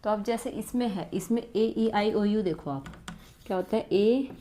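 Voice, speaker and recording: A woman teaching an exam-prep English grammar lesson, constantly asking her students rhetorical questions and reading example sentences very slowly. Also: mid-range voice, warm tone.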